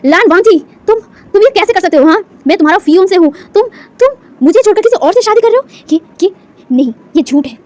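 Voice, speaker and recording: A woman plays a shrill, possessive young fiancée who stammers and repeats herself as she shrieks, pitched up high. The lines are rushed and loud, told as part of a spoken fan-fiction story. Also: close to an everyday voice. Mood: shrieking, jealous. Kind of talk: storytelling with acted dialogue.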